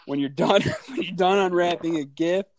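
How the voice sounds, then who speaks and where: A man's voice: sits high, moderate pace. A man in his thirties hosting a casual chat, who laughs often, swears freely and acts out family scenes. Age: 30s. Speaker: podcast host.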